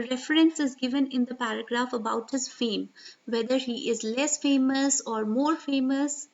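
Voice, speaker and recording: A woman with a high voice walks learners through an exam reading strategy, step by step. She keeps checking in with a questioning "right?" as she goes. The recording sounds a little dull and lo-fi. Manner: steady teacherly explaining, frequent "right?" check-ins. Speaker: IELTS tutor.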